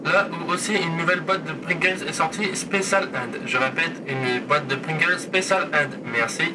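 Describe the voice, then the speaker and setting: A man playing an airline pilot making loud cabin announcements, a little back from the mic. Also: on the high side, moderate pace, distant mic, music in the background, lightly acted, poor audio. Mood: formal announcing. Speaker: food-tasting vlogger.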